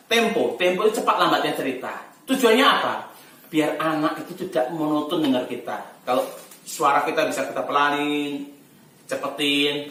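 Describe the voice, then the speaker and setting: A bright, high-voiced man leads a storytelling lesson in a chatty, laughing way, his pitch swinging up and down. He stands a little away from the mic, and the room rings with strong echo. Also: slight background noise. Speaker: storytelling teacher. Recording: echoey room from far off.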